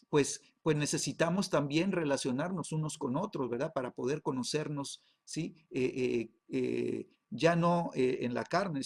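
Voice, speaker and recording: A man, a pastor, teaching a Bible class, peppering his talk with tag questions and halting repeats. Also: fairly high pitch, gravelly.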